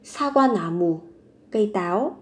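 A woman's voice: mid-range voice, lively intonation, unhurried, a little mellow. A woman teaching a vocabulary lesson, saying each word three times and then explaining it patiently. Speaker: language teacher. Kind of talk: vocabulary lesson, repeating words slowly.

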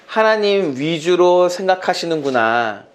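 A man's voice: high voice, a little slow. A middle-aged male youth pastor preaching a sermon to teenagers in a chatty, storytelling way with playful asides. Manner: animated storyteller, acts out quotes, chatty with asides.

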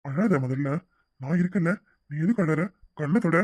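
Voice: mid-range voice, moderate pace, a little mellow, no room sound, natural voice. A performer voicing a scheming male lover in a cartoon who sweet-talks for money, with a Tirunelveli Tamil accent. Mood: coaxing. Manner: coaxing, sweet-talking. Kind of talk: cartoon voice acting.

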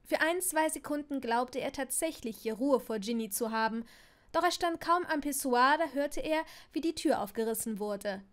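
High-voiced woman reading a storybook. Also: moderate pace. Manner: reads all parts, lifting pitch and volume for excited dialogue. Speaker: audiobook reader. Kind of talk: fan fiction audiobook narration.

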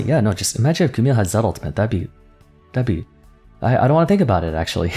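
A man hosting a gaming video in casual unscripted commentary, thinking aloud and changing his mind, his voice going hoarse. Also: deep voice, dark tone. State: losing his voice.

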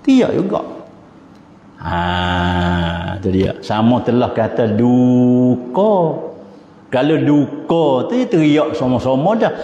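A slow, unhurried man with a Patani Malay accent teaches in a mosque, talking through his points conversationally and breaking into chanted verses. His voice is low and mellow. It rings through an echoey hall on a dull, lo-fi recording. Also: lively intonation. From southern Thailand. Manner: chatty, explains with questions, chants Quranic verses. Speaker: religious teacher. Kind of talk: informal religious lecture.

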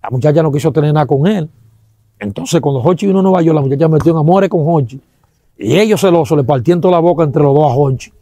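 A man with a Dominican accent giving an animated testimony, acting out sounds and quoting people, with religious exclamations. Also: on the high side, fast talker, no room sound, clean studio sound.

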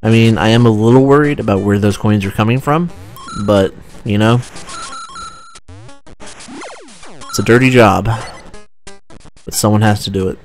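Young man, let's play commentary, low voice, excitable, faint game music. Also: fairly quick. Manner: chatty, excitable, self-correcting restarts. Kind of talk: casual gameplay commentary.

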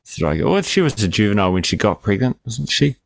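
A man's voice: on the low side, big pitch swings, fast, creaky, no room sound. A man co-hosting a film review podcast, joking and rambling in casual banter, with fillers and swearing.

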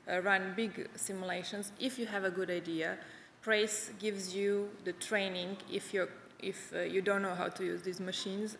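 A woman's voice: medium pitch, a little hiss or hum. A woman in her thirties giving a conference keynote from a stage, talking with many hesitations and restarts. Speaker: award-winning researcher giving keynote. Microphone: podium microphones. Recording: echoey hall with long reverb.

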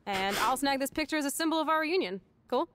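Rebellious American punk girl, high pitch, cocky, sweary, slangy, video game drama. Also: lively intonation, fast, fairly bright tone, no echo. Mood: grateful, casual.

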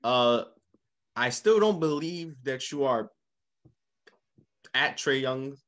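A man hosting a casual basketball podcast, talking with quick bursts of enthusiasm. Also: medium pitch, expressive, a bit bright. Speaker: podcast host. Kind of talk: casual sports chat.

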